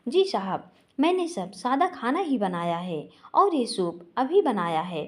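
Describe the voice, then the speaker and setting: A woman's voice: on the high side, big pitch swings, unhurried. Woman voicing a deferential housemaid. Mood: polite. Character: respectful female housemaid.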